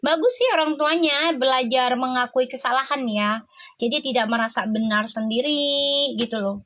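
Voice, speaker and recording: Excitable high-voiced tarot reader woman. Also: moderate pace, no echo. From Indonesia. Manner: excitable, exclaiming, laughing often. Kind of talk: live tarot reading chat.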